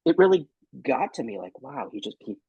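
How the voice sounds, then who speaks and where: Animated, husky-voiced man telling a story. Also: mid-range voice, a little fast, dry recording, muffled recording. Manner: animated, candid, swears casually. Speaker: workshop co-host. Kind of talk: casual storytelling talk. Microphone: video call.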